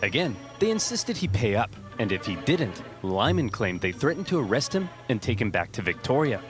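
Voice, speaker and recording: A man narrating a scripted comic history in an animated storytelling way. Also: mid-range voice, normal speed, music in the background. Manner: animated storytelling with acted-out quotes.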